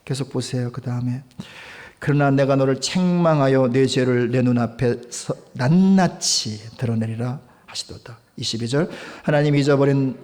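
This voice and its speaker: A male pastor delivering a Sunday sermon in a chatty style, asking his listeners questions and swinging from loud emphasis to hushed, near-whispered asides. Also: mid-range voice. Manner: conversational preaching with frequent rhetorical questions. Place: church service.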